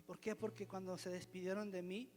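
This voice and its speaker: In a large church hall with music in the background, a man from the pastoral team speaks a little fast in a level tone, his voice sitting high. His testimony sermon is emphatic, built around a recurring refrain and rhetorical questions.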